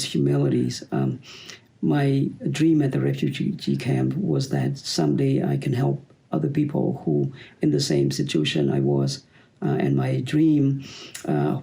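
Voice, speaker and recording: Gravelly Cambodian-accented man, halting speech. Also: very deep voice, mellow. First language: Khmer. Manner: halting, with many fillers. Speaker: award recipient. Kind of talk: acceptance speech.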